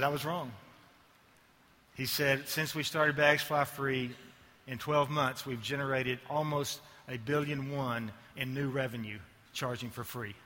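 A man's voice: mid-range voice, bright, forceful tone, in a large hall. A male ad agency executive giving a conference keynote, full of joking, self-mocking asides.

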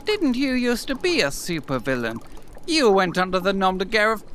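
A man's voice: high-pitched, sing-song, moderate pace, fairly bright tone, slight background noise. A man playing a pompous, easily flustered supervillain with a theatrical delivery in a comedy sketch. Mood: indignant. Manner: theatrical, flustered, stammering when challenged. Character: pompous, exasperated, petty male supervillain. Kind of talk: audio comedy sketch acting.

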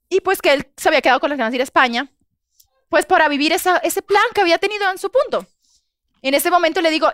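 Mexican woman telling a lively story. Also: dry recording, studio quality. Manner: expressive, acts out quotes with big pitch jumps. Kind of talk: animated storytelling.

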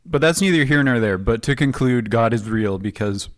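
A man's voice: mid-range voice, lively intonation, a little fast, dry recording, studio quality. A man co-hosting a comedy podcast, joking and laughing through his lines. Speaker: podcast co-host. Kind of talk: casual comedic chat.

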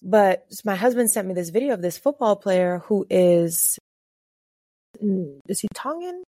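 A woman from the Caribbean, co-hosting a podcast in casual chat, chatty and quick to laugh. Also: mid-range voice, lively intonation, warm tone, no echo, studio quality. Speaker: podcast co-host.

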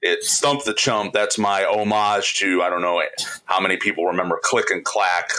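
A man's voice: low-pitched, steady tone, normal speed, sharp tone, poor audio. A man co-hosting a podcast in casual chat, playful and laughing often as he quizzes his co-host.

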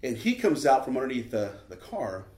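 A motivational speaker with a medium-pitched, sing-song, darkish voice builds his talk around a personal story, speaking briskly and emphatically and often tossing in "man". The recording has a roomy echo.

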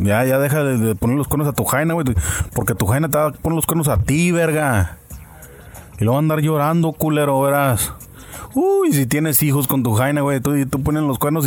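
A man rants alone into the mic for his podcast, swearing constantly and jeering at his listeners. His voice sits at an ordinary middle pitch. Faint music plays low behind him. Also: darkish tone. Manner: crude, heavy cursing, mocking the audience. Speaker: podcast host. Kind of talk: profane solo rant.

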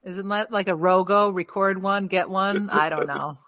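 A woman's voice: medium pitch, normal speed, a bit bright, dry recording. A woman co-hosting a casual podcast, teasing the others in a wry, matter-of-fact way. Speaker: podcast co-host. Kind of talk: casual chat.

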